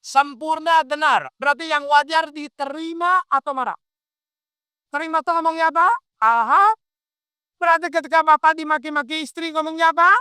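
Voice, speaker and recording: A man's voice: extremely high pitch, moderate pace, dry recording, clean studio sound. A man preaching an interactive sermon, asking his listeners question after question as he explains. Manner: animated, quizzes the audience with questions.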